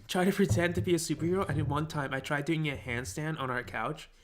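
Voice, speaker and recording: A man's voice: a little high, fairly even intonation, brisk, slight background noise. A young man co-hosting a casual podcast, telling rambling stories full of restarts and fillers. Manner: rambling storyteller, many restarts and "like"s. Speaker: podcast co-host. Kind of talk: casual chat.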